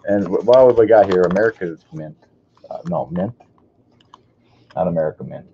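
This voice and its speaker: Deep gravelly male coin auctioneer. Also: normal speed, dark tone. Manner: chatty, greets bidders by name. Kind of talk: live-streamed auction calling. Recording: dull audio with faint hiss.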